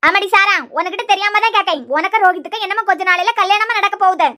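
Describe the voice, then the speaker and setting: Woman playing a scolding aunt in a cartoon, Kanyakumari Tamil, rapid and lecturing, very high bright tone. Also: steady tone. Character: sharp-tongued scolding aunt, middle-aged woman. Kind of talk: cartoon serial voice acting.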